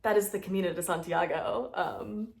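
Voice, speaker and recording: A woman's voice: mid-range voice, normal speed, creaky. Chatty woman vlogging on phone. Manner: chatty, animated, joking, big-sister tone. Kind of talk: casual chat to camera. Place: at home indoors.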